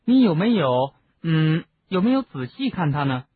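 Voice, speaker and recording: Teenage girl witch, anxious, sharp, hesitant, man reading, raised pitch, phone-like sound. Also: sing-song, normal speed, breathy edge, heavily acted.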